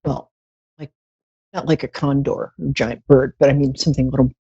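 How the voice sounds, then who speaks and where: A woman's voice: very deep voice, steady tone, fairly quick, mellow, breathy edge, dry recording. A woman hosting a live psychic show in a casual, chatty way, with playful, theatrical endearments. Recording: slightly dull, lo-fi stream audio.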